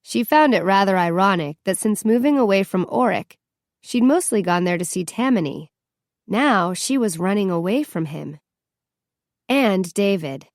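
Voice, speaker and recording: A woman's voice: mid-range voice, darkish tone, dry recording. Woman narrating an audiobook, dry and close. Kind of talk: scripted narration.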